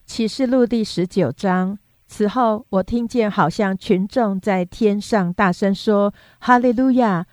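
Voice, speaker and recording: A woman reading scripture aloud in a steady, measured, unhurried way. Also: medium pitch, no echo. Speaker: scripture reader.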